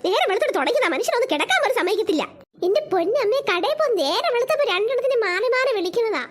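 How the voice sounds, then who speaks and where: A woman's voice: extremely high pitch, very animated, very fast. Woman doing a grumpy cartoon father. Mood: grumbling. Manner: grumbling, exasperated. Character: grumpy father woken by noisy kids. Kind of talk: cartoon voice acting.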